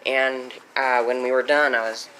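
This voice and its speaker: A teenage boy showing off mowers in a casual vlog, rambling and correcting himself, getting excited as he goes. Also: medium pitch, moderate pace, noisy background. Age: teens. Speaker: small engine vlogger. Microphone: handheld phone.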